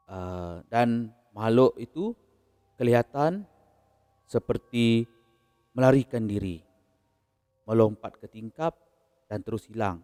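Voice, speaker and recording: A man with a Malaysian Malay accent narrating a horror story in a casual, unhurried way, chuckling between beats. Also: fairly low pitch, mellow, big-room sound.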